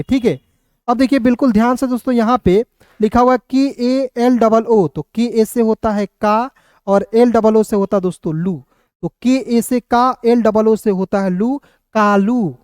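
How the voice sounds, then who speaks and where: Man, high voice, dry close sound, teaching English spelling, slow spelled-out letters. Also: darkish tone, smooth, dry recording. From India. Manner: spells letters slowly, asks and answers his own questions. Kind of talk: online phonics lesson.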